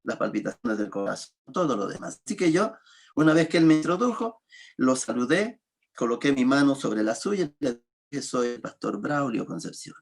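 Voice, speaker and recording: A man pastor telling a story during a sermon, in a measured, pausing way. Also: medium pitch, big pitch swings, creaky, breathy edge.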